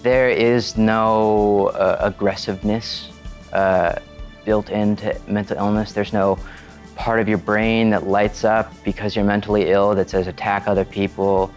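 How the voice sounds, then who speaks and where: Exasperated man, casual and low. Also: level tone, measured pace, faint music behind. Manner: casual, exasperated, many fillers. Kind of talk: documentary interview.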